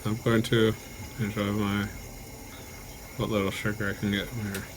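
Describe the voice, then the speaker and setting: A man chatting casually to camera in a halting, low-key way, his mouth numb, dry and stiff after jaw surgery. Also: level tone. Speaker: vlogger, patient recovering from jaw surgery. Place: hospital room. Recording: clear background noise throughout.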